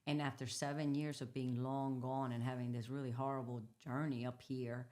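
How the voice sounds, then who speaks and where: A woman's voice: very deep voice, normal speed. A woman in her fifties from the Dominican Republic, a native Spanish speaker, telling her story candidly as an interview guest. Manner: candid storytelling, animated retellings. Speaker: guest entrepreneur. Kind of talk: casual interview conversation.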